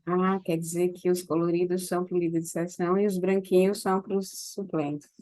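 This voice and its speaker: Low-voiced woman on a dry video call. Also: little pitch movement, normal speed, warm tone, no room sound, rough recording. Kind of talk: casual online meeting chat.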